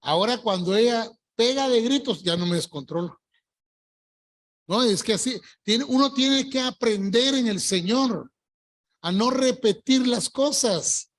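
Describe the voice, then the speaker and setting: A man's voice: extremely high pitch, animated. Older man preaching emphatically. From Colombia. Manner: emphatic preaching, stretching key words slowly. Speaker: pastor. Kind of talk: evangelical sermon. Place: church service.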